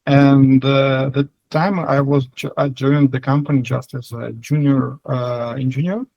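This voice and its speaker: A man with a Russian accent answering interview questions casually, in halting, hesitant phrases. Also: mid-range voice, level tone, vocal fry, no echo, lo-fi sound. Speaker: software engineer, interview guest.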